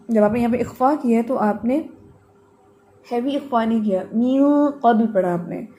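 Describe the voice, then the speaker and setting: A woman with a fairly high, mellow voice teaches Quran recitation over an online call. She corrects her students patiently and stretches out each model word slowly so they can copy it. She speaks through a computer microphone. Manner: explains mistakes then models words in slow, drawn-out recitation; patient, corrective, checks with "okay?".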